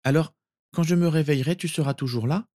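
A man's voice: fairly high pitch, fast talker, warm tone, dry recording, clean studio sound, voice pushed up, close to an everyday voice. A man reading a storybook and voicing a mischievous, sleepy young boy in a childish whisper.

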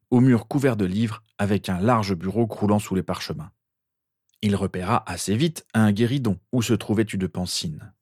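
Lively man reading a story aloud. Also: fairly low pitch, slightly rough, dry recording, clean studio sound. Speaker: reader.

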